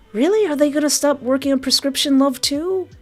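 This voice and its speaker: A livestream host who also develops games chats with her viewers in a high, animated voice at a normal pace. She's effusive and informal, reacting aloud to chat messages as they come in, with soft background music playing behind her.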